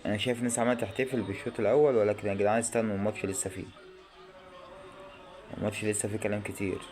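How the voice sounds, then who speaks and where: Fast-talking anxious Egyptian man. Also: lowish voice, music in the background. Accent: Egyptian Arabic. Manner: anxious and excitable, pleading and exclaiming. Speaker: football fan vlogger. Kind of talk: live match reaction commentary.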